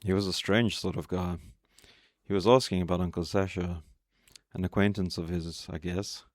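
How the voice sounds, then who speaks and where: A man's voice: low voice, steady tone, normal speed, a little mellow, no echo, clean studio sound, lightly acted. A man voicing an honest, curious young man who asks plain questions. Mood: earnest.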